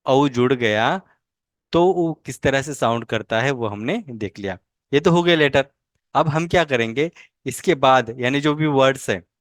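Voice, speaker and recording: A man's voice: medium pitch, no room sound, clean studio sound. A man teaching an online language lesson, patiently explaining and repeating each word several times for learners to copy.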